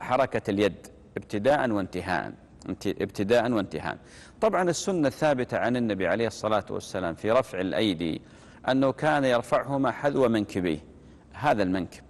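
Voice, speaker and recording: A man giving religious instruction on prayer, repeating key phrases and demonstrating them slowly. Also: fairly low pitch. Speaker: religious teacher. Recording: long reverb.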